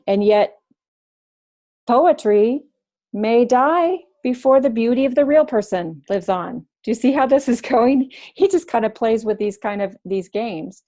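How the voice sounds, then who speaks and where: Woman teacher, online class lecture, slow, mellow, explanatory. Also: medium pitch. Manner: slow, explanatory, thinks aloud. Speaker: high school humanities teacher.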